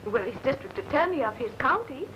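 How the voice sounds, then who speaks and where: High-voiced stage girl from Texas, early talkie, heavy hiss. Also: very animated, a little fast, dull audio. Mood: resolute. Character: young woman, stage performer, torn and resolute. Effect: early talkie film recording. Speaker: stage actress. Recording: hissy early sound-film soundtrack.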